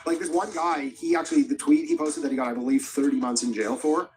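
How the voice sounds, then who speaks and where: A man's voice: fairly high pitch, fast, faint music behind. A man co-hosting a casual podcast, telling stories animatedly and filling speech with "like.". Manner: animated storytelling, lots of "like". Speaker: podcast co-host. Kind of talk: casual chat.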